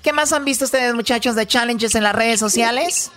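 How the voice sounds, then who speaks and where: A woman's voice: a little high, brisk, fairly bright tone, faint music behind. A woman hosting a comedy radio show, steering the talk with questions.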